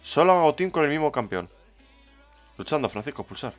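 Chatty Spanish livestreamer. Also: male voice, a little high, sing-song, fairly quick, faint music behind. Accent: Spain Spanish. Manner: chatty, playful, greets viewers by name. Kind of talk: casual livestream chat, reading the chat.

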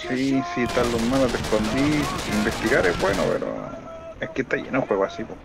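A man's voice: mid-range voice, lively intonation, brisk, vocal fry, very noisy. A man with a Chilean accent chatting casually with a fellow gamer. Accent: Chilean Spanish. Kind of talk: casual chat. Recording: game gunfire behind. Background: war game sounds.

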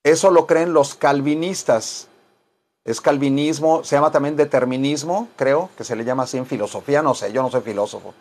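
A man teaching English at a church service, drawing out English words slowly and repeating them for the class, with chatty, joking asides. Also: medium pitch, darkish tone. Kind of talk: bilingual Bible-based English lesson.

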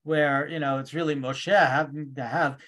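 Guy leading torah study on a video call, lively, acts out the quotes. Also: on the high side, normal speed, crowd noise. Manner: animated, acts out voices in quotes. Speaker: study group leader. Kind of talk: virtual Torah study session.

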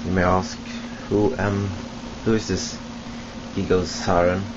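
In a small room at home, a young Swedish vlogger with a Swedish accent hesitantly introduces himself to his webcam in a casual way, pausing and restarting often. His voice is low and his tone level. The webcam sits close, and the audio is dull and lo-fi with hiss.

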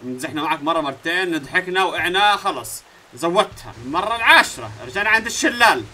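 A man with a Levantine Arabic accent plays through a game and talks over it. His voice is very bright and a little high, and he jumps between muttering to himself and sudden outbursts at the screen. A faint hiss sits under the recording. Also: lively intonation, fast talker, low-quality recording. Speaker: gaming YouTuber. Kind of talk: let's-play commentary.

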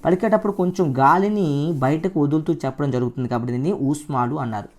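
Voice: medium pitch, fast talker, a little mellow. A teacher giving an exam-prep lecture, repeating each term and quizzing the listener with frequent "right?" checks. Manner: drills terms by repeating them and quizzing the listener; tags points with "right?" checks.

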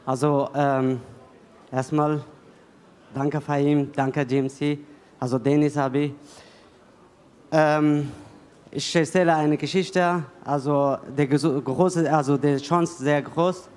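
Halting Afghan fighter with hesitant speech. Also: male voice, on the high side, fairly even intonation, a little mellow, clear, resonant tone. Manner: halting, many fillers and restarts. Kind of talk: broken-German interview answers. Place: indoor fight venue beside a cage. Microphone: handheld mic held by interviewer. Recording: long hall reverb.

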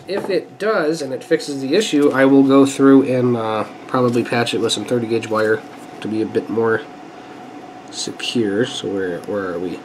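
Here a repair channel host with a mid-range voice talks at a moderate pace, stuffy from a sinus infection, over slight background noise in a rough recording. He stays relaxed and chatty, musing aloud as he handles a hands-on repair at his indoor workbench.

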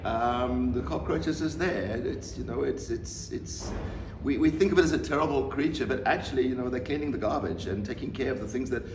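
A man in his fifties from South Africa, an artist answering interview questions in a measured, reflective way with pauses and restarts. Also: mid-range voice. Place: room with bookshelves, seated in leather armchair. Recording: roomy, distant mic, audible background noise.

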